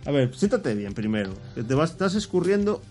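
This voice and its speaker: A man's voice: a little high, very animated, brisk, darkish tone, soft background music. A man co-hosting a home podcast, chatting casually and teasingly, laughing often, into a studio microphone with a foam windscreen. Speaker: podcast co-host and father. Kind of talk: casual chat.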